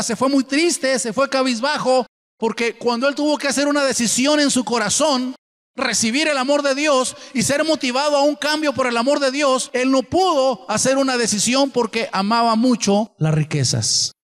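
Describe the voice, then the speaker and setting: High-voiced preaching man in a reverberant hall. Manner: preaching with rhetorical questions to the congregation. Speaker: pastor. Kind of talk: sermon.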